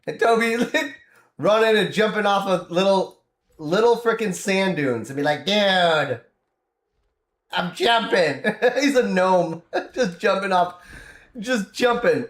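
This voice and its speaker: A man's voice: sits high, animated, unhurried, reverberant. A man casually chatting while streaming a game, rambling and laughing often as he plays.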